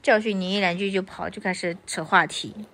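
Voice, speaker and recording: A woman's voice: mid-range voice, fairly even intonation, fairly quick, fairly bright tone, a little hiss or hum. A woman from Anhui scolding her toddler at home, repeating baby talk. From Anhui, China.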